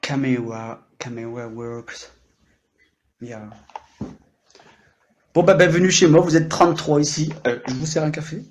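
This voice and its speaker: Speaking at normal speed with long pauses, a man in his late thirties chats casually on an improvised livestream. His voice is fairly high and carries a little hiss or hum through the microphone. He talks constantly, leaps from subject to subject, ribs his viewers, and jokes about himself.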